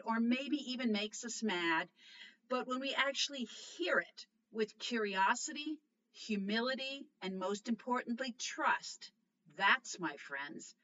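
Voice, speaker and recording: A woman's voice: on the high side, sharp tone. A woman giving an online church talk as a religious education leader. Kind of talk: online church service talk for children and families. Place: online video service. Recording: dull, distant video-call audio.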